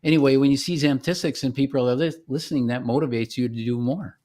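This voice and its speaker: Here the founder's mid-range voice has a warm tone as he gives a casual product demonstration. His explanations come out haltingly, like ordinary conversation.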